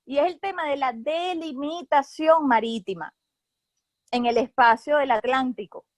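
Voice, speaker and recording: A woman's voice: sits high, unhurried, dry recording. A woman with a Venezuelan Caribbean Spanish accent explains things in a semi-formal, didactic way, often checking in with short tag questions. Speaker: expert speaker on geopolitics.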